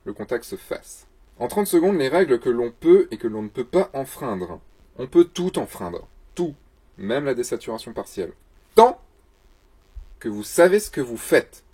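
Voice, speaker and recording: A man's voice: mid-range voice, mellow, breathy edge. A man, a photographer and the show's host, answers viewer questions in a casual vlog, joking and mocking himself in a loose, chatty way.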